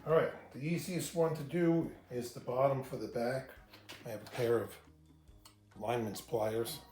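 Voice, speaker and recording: Working inside a car in his garage, a restoration channel host narrates a casual how-to, talking through every step. His medium-pitched voice is fairly even and a little mellow at a moderate pace, with faint music behind him.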